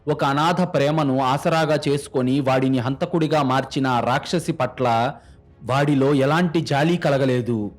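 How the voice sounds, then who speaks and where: A man's voice: mid-range voice, measured pace. A man reading a scripted crime story aloud in a dramatic, suspenseful storytelling way. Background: faint music.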